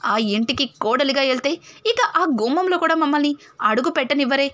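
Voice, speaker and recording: A woman's voice: sits high, lively intonation, fairly quick, a bit bright. A woman voicing a worried, tearful middle-aged mother who pleads with her daughter.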